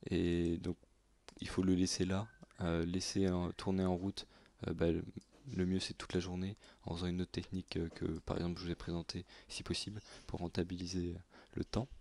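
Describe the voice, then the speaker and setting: A man, narrating a screen-recorded software tutorial, halting with many fillers and self-corrections. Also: sits low, monotone. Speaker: YouTube tutorial host.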